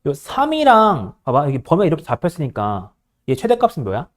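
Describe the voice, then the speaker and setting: A male high school math teacher lecturing a class, bossy and teasing, always checking whether students follow. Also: wildly swooping pitch, brisk.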